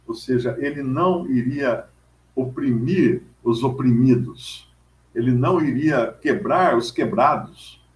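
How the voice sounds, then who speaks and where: Man giving a chatty Bible talk. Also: mid-range voice. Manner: conversational, storytelling, frequent "né?". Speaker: Bible teacher. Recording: roomy echo.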